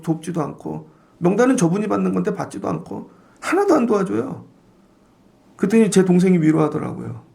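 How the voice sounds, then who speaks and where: A middle-aged male pastor delivering an early-morning sermon in a slightly high, gravelly voice. He talks in a conversational, storytelling way and slips into the voices of the people he quotes. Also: a little mellow.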